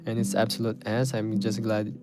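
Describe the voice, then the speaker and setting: A man's voice: lowish voice, completely flat delivery, normal speed. Casual male art streamer over guitar music. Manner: informal, slangy, repeats words. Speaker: art livestreamer. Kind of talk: casual livestream chat while drawing, reading comments aloud. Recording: music playing behind the voice.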